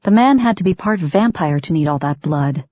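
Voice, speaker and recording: Woman narrator, low voice, measured audiobook reading, dull lo-fi sound, dry close mic. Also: lively intonation, darkish tone, dry recording. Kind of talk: scripted narration.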